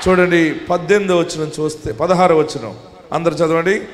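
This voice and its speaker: A man preaching a sermon to a congregation, his voice pitched high for a man. He swings from homely storytelling to passionate, shouted exhortation. The sound carries a long reverb from a large hall. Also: fairly even intonation, normal speed. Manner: mixes homely stories with rising exhortation. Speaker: pastor. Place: large hall at a live church service.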